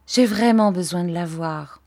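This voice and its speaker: A woman voicing a frail, childlike young wife who speaks softly, eagerly and with great affection. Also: on the low side, unhurried. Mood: tender. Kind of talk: audiobook character voice.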